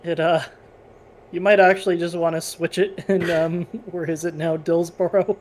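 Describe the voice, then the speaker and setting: A fellow player on a voice call gives calm, dry pointers about running the trains, at a middle pitch and in a gently instructive manner. Faint game ambience sits behind the voice. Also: moderate pace, a little hiss or hum. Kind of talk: casual gameplay chat.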